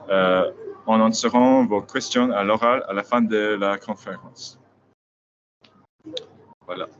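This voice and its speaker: An Australian man, a native English speaker, giving a prepared lecture in hesitant French with a foreign accent. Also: fairly low pitch. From Australia, Sydney. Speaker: veterinary specialist, conference speaker. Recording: dull lo-fi web audio, faint noise.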